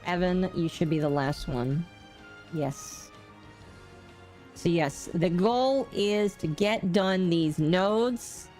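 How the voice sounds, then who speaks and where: Talking slowly in a fairly low, darkish voice, a woman runs a casual game live stream through a voice changer. Her chatter wanders and she often corrects herself, with faint music audible behind her.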